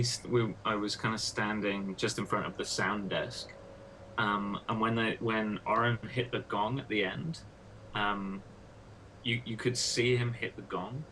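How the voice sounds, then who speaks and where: Low-voiced man interviewing, rambling. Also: sharp tone, slight background noise, rough recording. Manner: rambling, thinking aloud with fillers. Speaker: interviewer, PhD student. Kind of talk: casual research interview.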